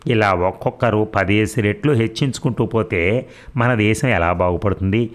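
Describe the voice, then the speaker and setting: A short-tempered older doctor barks out blunt, crude remarks and scolds as he talks, as a man reading a story puts him on. His voice sits fairly low, loud and impatient, a storybook figure with a rough tongue. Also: normal speed, natural voice. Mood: ranting.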